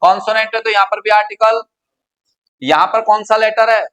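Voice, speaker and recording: Male grammar teacher from India, high bright voice, keeps quizzing the class. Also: steady tone, moderate pace, rough recording. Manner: quizzing students with repeated questions. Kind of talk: classroom lecture.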